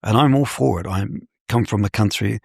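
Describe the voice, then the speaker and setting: An older man from New Zealand answers as a scholar in an interview, measured and professorial. His low voice is gravelly and husky. The sound is dry and close. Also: a little mellow, dry recording. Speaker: scholar guest.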